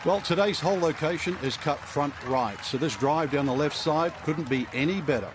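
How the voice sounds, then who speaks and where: A man's voice: on the high side, normal speed, background noise, lightly acted. A man giving conversational, explanatory golf commentary as the analyst in a broadcast booth. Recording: music and crowd behind voice. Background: music and outdoor crowd ambience.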